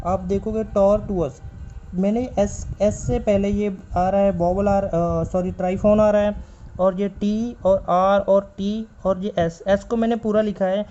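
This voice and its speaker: Mellow-voiced man teaching step by step. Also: high voice, fairly even intonation, measured pace, slight background noise. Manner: patient, repeats key points, spells out letters. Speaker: stenography teacher. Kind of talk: step-by-step spoken lesson while writing. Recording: dull lo-fi recording.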